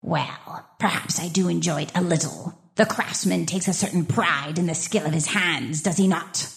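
A gloating goddess of death from a comic book, low for a female voice and gravelly. She delivers her vengeance with slow, theatrical villain menace.

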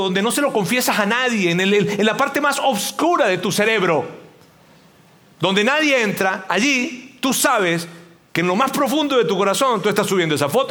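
Preacher, male, animated, rhetorical, higher register. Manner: animated, rhetorical questions, acts out voices. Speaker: pastor. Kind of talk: sermon.

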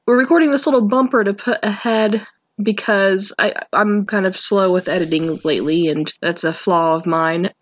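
A woman hosting a podcast in a chatty, relaxed way, recorded through a built-in laptop microphone with low-quality audio. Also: moderate pace, highs cut off. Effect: low-quality laptop mic audio. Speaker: podcast host. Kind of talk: casual podcast chat.

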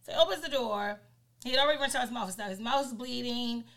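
A woman, co-hosting a podcast and telling a story in casual chat, animated and jumping high in pitch when she quotes herself. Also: fast. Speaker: podcast co-host.

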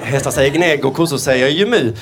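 A man doing a stand-up routine, telling absurd deadpan jokes and slipping into quick voiced asides. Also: medium pitch, over a noisy crowd, very noisy. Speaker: stand-up comedian. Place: comedy stage before a live audience. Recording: stage mic with loud audience laughter.

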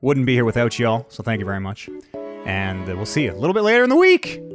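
A podcast host giving a casual, rambling update from an echoey, untreated new studio room, a bit out of breath from the heat. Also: male voice, mid-range voice, huge pitch swings, quick pace, over music. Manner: rambling, self-interrupting, upbeat.

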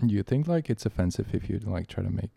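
A man's voice: lowish voice, lively intonation, fast, creaky, warm tone, slightly rough, no room sound. A man from Bulgaria who is a podcast guest, talking casually and restarting his sentences a lot. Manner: hesitant, restarts often. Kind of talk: casual chat.

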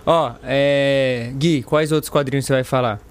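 A man hosting a casual podcast, chatting and joking with his co-hosts in quick asides. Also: medium pitch, steady tone, clear, resonant tone. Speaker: podcast host.

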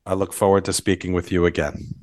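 A man speaking as a financial advisor guest in a conversational interview, explaining things in a measured way. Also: low voice, level tone, a little mellow, no echo, clean studio sound.

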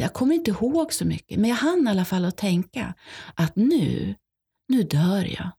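Young girl survivor, sombre testimony, read by a woman; husky, creaky. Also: mid-range voice, dark tone, full character voice. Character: young Swedish girl recounting surviving a tsunami. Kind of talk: first-person testimony reading.

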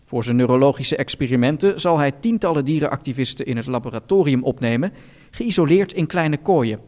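A man's voice: medium pitch, fairly quick. Formal male newsreader with long reverb. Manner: calm, formal newsreader delivery. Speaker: news radio host. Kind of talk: deadpan satirical news reading.

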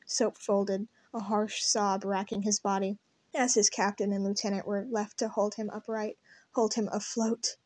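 Soft, even woman reading a story. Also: medium pitch, normal speed, no room sound. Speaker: reader. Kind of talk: fan fiction read-aloud.

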